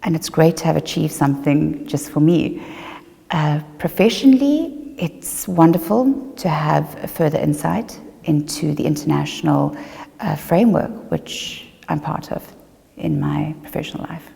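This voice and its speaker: Middle-aged woman from zimbabwe, low gravelly voice, measured testimonial, long reverb tail. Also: animated, mellow. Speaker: attorney and former online law student. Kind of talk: testimonial interview.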